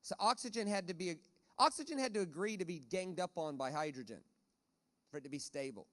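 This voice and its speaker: A man preaching a conference sermon in a church auditorium, animated, acting out voices as he talks. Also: high voice, fairly quick. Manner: animated, acts out voices of panicked people and God. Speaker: guest preacher.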